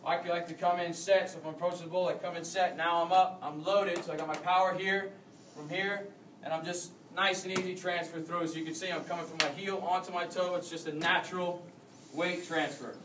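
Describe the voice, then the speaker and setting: Filmed on a phone from across a big carpeted conference room, a young American man coaches rugby technique, demonstrating moves for a crowd standing around him while he explains. He speaks fairly quickly in a high-pitched, steady voice. The mic is far away, so there's roomy echo and background noise.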